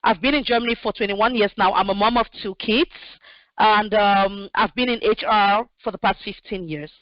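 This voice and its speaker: A woman's voice: medium pitch, moderate pace, dry recording, dull audio. A woman in her forties, originally from Cameroon, answering questions as a human resources expert on a call, speaking in a direct, practical way with many fillers. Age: 40s. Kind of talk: answering questions in an online session.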